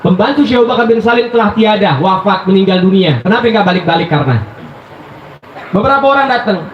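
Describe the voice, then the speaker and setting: A man preaching a sermon, telling stories in an animated way and addressing his listeners as brothers at a religious gathering. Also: high voice, fast, a little hiss or hum. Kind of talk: sermon storytelling. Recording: echoey, dull live recording.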